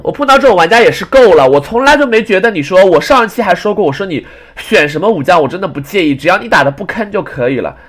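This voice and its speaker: A man's voice: high voice, animated, quick pace, hardly any pauses, fairly bright tone. A young man retelling a frustrating online card game match in a casual, exasperated rant, often restarting his sentences. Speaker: game commentator. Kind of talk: casual gameplay storytelling.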